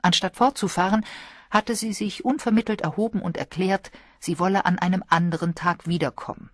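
Low, husky woman narrating. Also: fairly even intonation, fairly quick. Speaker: audiobook narrator. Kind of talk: scripted narration.

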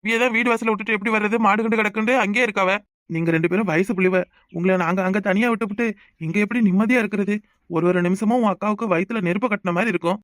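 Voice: mid-range voice, fairly even intonation, rapid-fire, a bit bright, dry recording, studio quality, natural voice. Someone voicing a bossy village uncle with a Kanyakumari accent. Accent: Kanyakumari Tamil. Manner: bossy but affectionate, scolding. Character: caring middle-aged village uncle, head of household. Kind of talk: cartoon voice acting.

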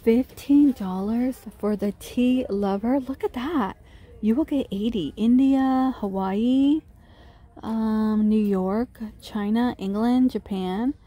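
A shopping vlogger films a shop-with-me walkthrough inside a large retail store, chatting and gushing over cute finds while recording on a handheld phone camera. Her fairly high voice takes things slowly, with a warm tone and the highs cut off.

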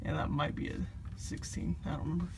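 A man's voice: on the high side, flat delivery, quick pace, gravelly. A man casually talking through a car repair step by step, rambling and thinking aloud with lots of ums, filmed on a handheld phone. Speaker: DIY car vlogger. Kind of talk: casual how-to narration. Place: in a moving car, then outdoors beside it at night. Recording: loud road and engine noise.

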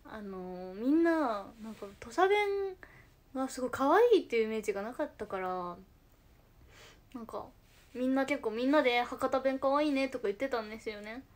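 A young woman from Kochi speaking with a Tosa dialect, chatting casually on a livestream and answering comments in a soft voice that sometimes drops into a whisper. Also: on the high side, lively intonation, brisk. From Kochi, Japan. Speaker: idol livestreamer.

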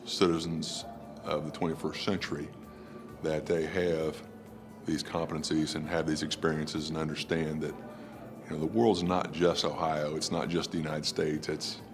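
A man's voice: extremely low pitch, level tone, moderate pace, over music. A man in a video interview, speaking emphatically about educating citizens.

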